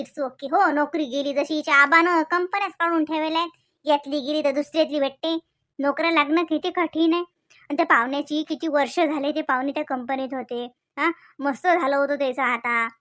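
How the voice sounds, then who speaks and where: A woman voicing a sharp-tongued village wife in a cartoon, with an indignant, scolding manner. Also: dry recording, studio quality. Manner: scolding, indignant, high and shrill.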